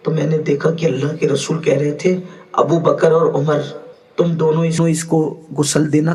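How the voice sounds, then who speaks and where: A male preacher with an Urdu accent, whose voice sits high for a man. He tells a devotional story with feeling. He slows down when reciting verse. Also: a little mellow, husky. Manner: emotional, rising pitch and slowing for poetry. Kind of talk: sermon storytelling.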